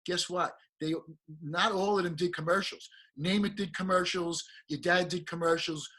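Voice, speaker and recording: A man's voice: high-pitched, fairly even intonation, normal speed, bright, forceful tone. A man, hosting an interview and asking long, rambling, chatty questions. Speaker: interview host. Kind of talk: casual interview.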